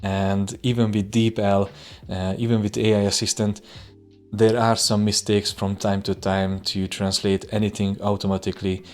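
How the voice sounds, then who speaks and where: In a screen-recording tutorial with soft music behind him, a Hungarian-native web design instructor speaks at normal speed in a lowish voice. He's easygoing yet halting, often saying "uh" and starting sentences over.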